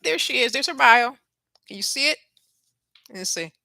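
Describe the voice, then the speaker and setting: A woman in her forties talks casually to her livestream viewers from home, often laughing and losing her thread. Her pitch swings widely and her tone is bright and forceful. The sound is close and dry. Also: lively intonation, normal speed, vocal fry, no echo. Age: 40s. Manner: chatty, laughs often, trails off. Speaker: YouTube livestream host. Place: apartment with thin walls.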